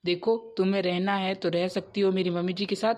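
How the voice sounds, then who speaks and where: A woman's voice: medium pitch, flat delivery, brisk, a little mellow, a little hiss or hum, lightly acted. A woman voicing a stern young husband in a cartoon comedy, who lectures and scolds his wife. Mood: scolding.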